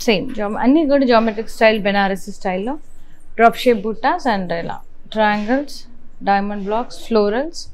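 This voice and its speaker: A woman with a Telugu accent hosts a live retail sale. Her voice sits at an average female pitch. She goes through each item feature by feature, in brief, clipped phrases like a working shop presenter. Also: very fast, darkish tone, low-quality recording. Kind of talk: live sales presentation, listing product details.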